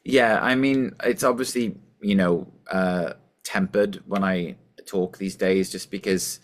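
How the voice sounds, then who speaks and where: A man from Wales with a softened Welsh accent, chatting casually as a musician guest in an interview, self-deprecating and full of fillers. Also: low voice, fairly even intonation, measured pace.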